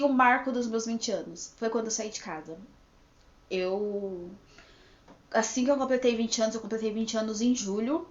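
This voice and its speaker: A woman in her thirties chatting to camera in a rambling, casual way, with frequent restarts and check-ins. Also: fairly high pitch. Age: 30s. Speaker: vlogger. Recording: echoey room, slightly dull lo-fi sound.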